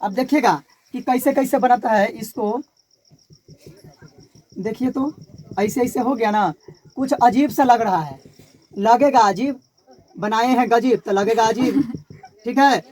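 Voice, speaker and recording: A man with a Bihari Hindi accent teaches a physics class. He says each term, asks what it is called, and repeats it in a steady call-and-response drill. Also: very high-pitched, unhurried, long pauses.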